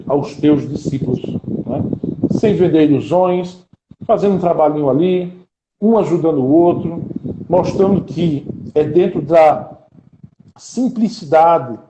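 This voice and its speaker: A man's voice: a little high, warm tone, reverberant, highs cut off, slight background noise. A man, hosting a live-streamed interview and asking earnest rhetorical questions. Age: 40s. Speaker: interviewer and podcast host.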